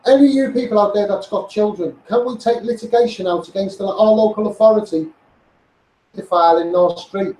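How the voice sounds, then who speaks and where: Here the Scouse livestreamer's high voice has a warm tone and moves fairly quickly, with slight background noise. The Liverpool-area campaigner goes on a rambling, fervent rant, addressing viewers insistently and saying things twice. His mic is distant and the room is echoey.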